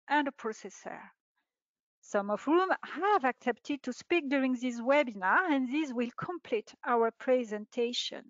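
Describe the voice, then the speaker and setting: A middle-aged woman, a researcher, reading a prepared presentation in a measured, formal way over a video call. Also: a little high, fairly bright tone, no room sound. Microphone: video call webcam. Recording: dull lo-fi webinar audio.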